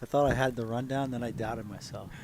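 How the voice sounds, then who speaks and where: A man's voice: medium pitch, steady tone, brisk, creaky. A man commentating live at a track meet in a casual, joking way, reading out results and lanes. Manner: casual, joking, reads results and lane lists. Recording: loud outdoor ambient noise.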